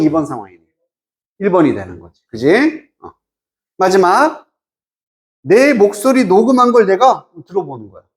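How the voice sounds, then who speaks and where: A male English teacher explains an exam passage in a casual lecture, his fairly high voice swooping up and down with lots of animation. He slips English phrases into the explanation and keeps checking understanding with rapid quiz-style questions to his students.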